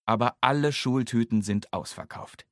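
A man reading a children's story aloud in a lively, expressive way. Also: mid-range voice, moderate pace, no echo, clean studio sound. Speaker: narrator.

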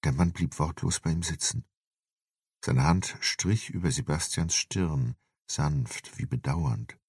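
A man narrating a thriller audiobook in a deep voice, slow and tense. His voice is gravelly and husky, and he takes his time. The recording is close and dry. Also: a little mellow, no echo. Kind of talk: scripted narration.

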